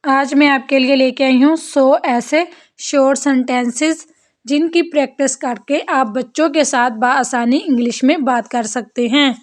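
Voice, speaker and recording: A woman teaching short everyday phrases in a slow, deliberate way, repeating each one for learners. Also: high voice, steady tone. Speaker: English teacher. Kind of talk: spoken language lesson.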